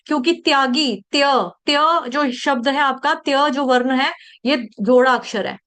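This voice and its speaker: A woman's voice: high-pitched, steady tone, fairly bright tone. A woman, teaching a class to recite verses, breaking words into syllables and quizzing her students. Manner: slow syllable-by-syllable drilling with quick asides to students.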